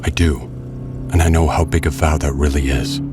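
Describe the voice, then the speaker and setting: Batman, extremely deep, stern vigilante. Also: steady tone, moderate pace. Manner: terse, controlled, grave. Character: stern brooding masked male vigilante, Batman, protective. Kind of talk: audio drama acting.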